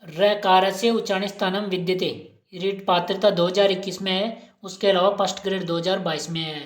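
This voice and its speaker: A woman's voice: medium pitch, fairly even intonation, fairly quick. A woman teacher giving an exam-prep lesson, asking questions and repeating each answer aloud. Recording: roomy echo.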